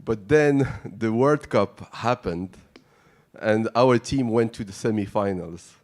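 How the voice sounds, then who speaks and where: A man's voice: lowish voice, slow. A middle-aged man, introducing himself on a conference panel with light humor and frequent fillers. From Morocco. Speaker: panelist, startup founder.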